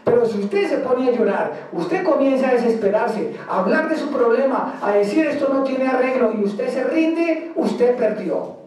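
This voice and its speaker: A man's voice: very high-pitched, lively intonation, normal speed, a little mellow. A man from Colombia, a pastor preaching an emphatic sermon and acting out the words of believers. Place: church. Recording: very echoey church hall, mic far.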